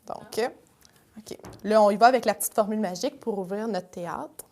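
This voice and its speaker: A woman's voice: mid-range voice, a little fast, darkish tone. A woman leading an interactive picture-card storytelling session for children, coaxing them with questions.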